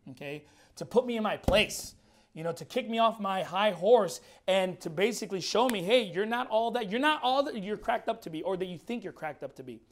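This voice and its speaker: A pastor in his thirties with a high voice preaches a fiery, blunt sermon in a church even as he's losing his voice. He's emphatic and repeats words, and there's slight background noise.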